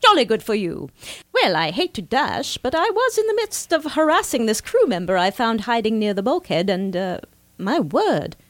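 Lady doing a posh space pirate lady, high and bouncy, super polite till she goes full arr. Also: sing-song, moderate pace, no room sound. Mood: prim. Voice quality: overly polite posh manner, switching to a growling pirate bark. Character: prim, posh female space pirate captain.

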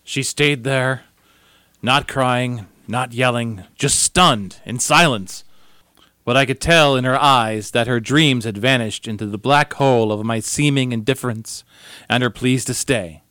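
A man's voice: medium pitch, unhurried, pushed and bright, clear, resonant tone, dry recording, clean studio sound. An actor playing a brooding starship officer who tells his story in a melodramatic, wistful way.

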